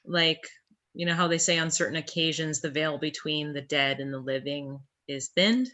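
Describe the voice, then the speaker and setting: A woman's voice: deep voice, moderate pace, sharp tone. A woman from England with an English accent, chatting casually as a podcast guest and thinking aloud. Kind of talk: casual conversation.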